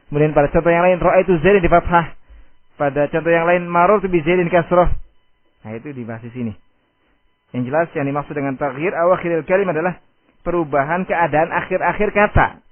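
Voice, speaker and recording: A man teaching an Arabic grammar lesson, asking questions and answering them himself, reciting Arabic examples slowly. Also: on the high side, no room sound. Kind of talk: recorded Islamic study lesson. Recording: dry tinny phone-like audio.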